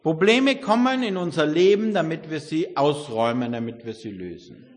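An older man preaching a sermon, emphatic, swinging between loud exclamations and quiet reflection. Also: fairly high pitch. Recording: long hall reverb.

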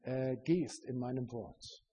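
A man's voice: mid-range voice, slow pace, mellow, slight background noise. A man preaching a sermon in an earnest, searching way, with many fillers and restarts.

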